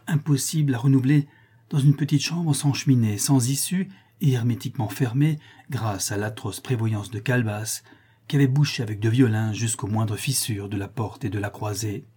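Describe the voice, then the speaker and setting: A man reading a classic novel aloud as an audiobook narrator, in steady, measured storytelling. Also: medium pitch, husky.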